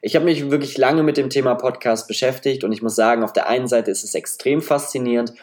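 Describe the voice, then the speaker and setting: Fast and darkish in tone, a medium-pitched nasal voice belongs to a Leipzig man in his twenties with a light Saxon accent. He hosts a solo podcast, chatting through a semi-scripted monologue with self-deprecating humor, recorded with a podcast microphone.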